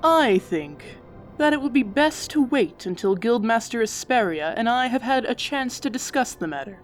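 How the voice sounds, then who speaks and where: A woman's voice: fairly high pitch, expressive, moderate pace, faint music behind, close to an everyday voice. A woman voicing a dignified angel leader. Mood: poised. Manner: poised, formal.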